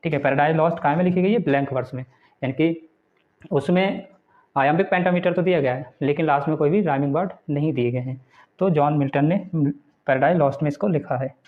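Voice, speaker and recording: A man teaching English literature in a Hindi lecture, reading English definitions slowly and then explaining them patiently. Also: on the high side. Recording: tinny phone-like sound.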